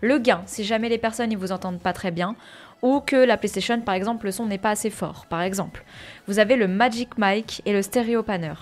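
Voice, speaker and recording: A woman giving a casual tutorial on streaming software, chatty and full of fillers, calling her viewers "guys". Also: mid-range voice, brisk. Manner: chatty, many fillers, addresses viewers as "les gars". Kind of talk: casual screen-share tutorial. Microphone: headset or desk mic with earphones.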